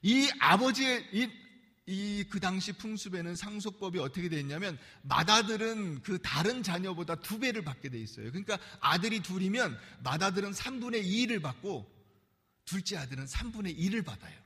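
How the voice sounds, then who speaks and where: A man preaching a sermon as pastor, animated and acting out the voices he quotes. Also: sits high, moderate pace, husky, long reverb tail. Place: church sanctuary.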